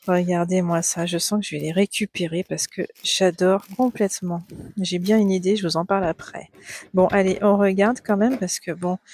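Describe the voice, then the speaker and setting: Middle-aged woman vlogger, eager and chatty, low dark voice, dry sound. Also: dry recording. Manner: gushing, excitable, repeats words and laughs often. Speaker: knitting vlogger. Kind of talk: casual chatty unboxing vlog.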